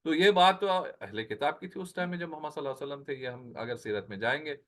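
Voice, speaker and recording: A man with a fairly high voice teaches a Quran translation lesson. He explains each word in turn, repeats Arabic terms slowly and asks his listeners rhetorical questions. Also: lively intonation. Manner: explains word by word, mixing in English phrases; slows down on Arabic words, repeats them.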